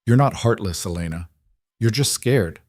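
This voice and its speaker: A man voicing a gentle, earnest single father who speaks softly and reassuringly in a storybook. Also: lowish voice, lively intonation, normal speed, no echo. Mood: tender.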